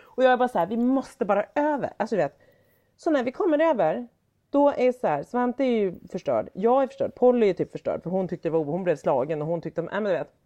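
A woman in her thirties at a middle pitch tells a story in casual chat. Her voice swoops up and down with lively energy, and she drops swear words offhandedly as she goes. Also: highs cut off. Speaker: podcast co-host.

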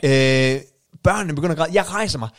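A man co-hosting a podcast, chatting casually and telling a comic story with rising excitement. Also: on the high side. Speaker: podcast co-host.

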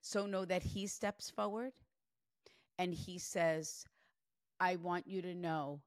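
A woman's voice: on the low side, slow pace, no room sound, studio quality. A woman in her forties working as a psychic medium, talking chattily with lots of "like" through a reading. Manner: chatty, animated, peppered with "like". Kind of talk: spirit reading session.

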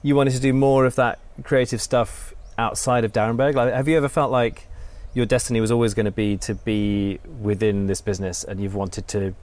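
A man's voice: on the low side, fairly even intonation, a little fast, hardly any pauses, darkish tone. A man hosting a podcast interview, asking meandering, tentative questions in a casual chatty way.

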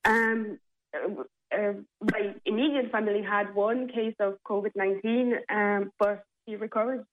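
A woman's voice: mid-range voice, steady tone, measured pace. A woman from the Republic, a theatre programme manager, speaking as a radio interview guest in a hesitant way with many fillers. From Czech Republic. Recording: tinny phone line.

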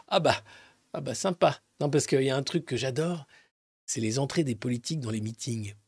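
A man hosting a press review, talking in a casual, mocking way. He swears freely and swings between loud outbursts and muttered asides. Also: medium pitch, moderate pace, breathy edge, dry recording, studio quality. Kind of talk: casual sarcastic press commentary.

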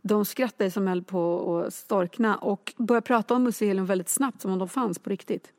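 A woman, a children's book author and musician, telling animated anecdotes full of fillers in a casual interview. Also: mid-range voice.

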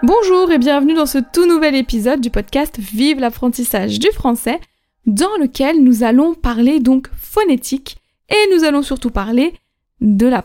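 A woman hosting a language-learning podcast, teaching pronunciation slowly and clearly, repeating key points and checking in with the listener. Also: sits high, warm tone. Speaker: podcast host and French teacher. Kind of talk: slow, clear teaching talk.

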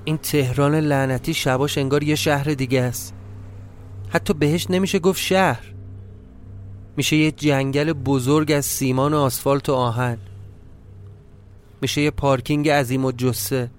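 A man's voice: mid-range voice, steady tone, pauses often. A man reading a dramatic first-person audio story as a brooding, tense inner monologue, with faint music behind. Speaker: narrator and storyteller.

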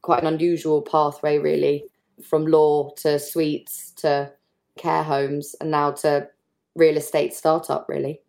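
A woman in her twenties, a startup founder introducing herself on a podcast in a measured way. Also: deep voice, little pitch movement, vocal fry, darkish tone. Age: 20s.

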